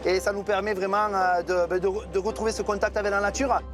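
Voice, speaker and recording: A middle-aged man, a farmer running a farm cabaret, talking loudly and heatedly in an interview. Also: sits high, little pitch movement, quick pace, over music. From Italian descent. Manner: loud, talks with his hands.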